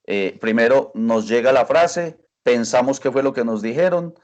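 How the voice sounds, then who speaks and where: A man's voice: medium pitch, expressive, normal speed, darkish tone, highs cut off. Earnest man repeating points for emphasis. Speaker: interview guest, language teacher. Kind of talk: casual interview answers.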